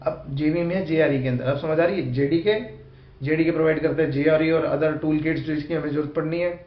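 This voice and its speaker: A man teaching programming in a loose, chatty way, talking right to his students. His voice sits a bit high for a man. The sound is dull and lo-fi, with plenty of room echo. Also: fairly even intonation, fairly quick. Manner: chatty and informal, addresses students directly. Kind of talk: casual Hindi lecture mixing English terms.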